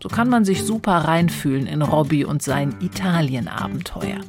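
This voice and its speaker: A woman reading a scripted book review in a calm, even way. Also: sits low, normal speed. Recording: guitar music under the voice.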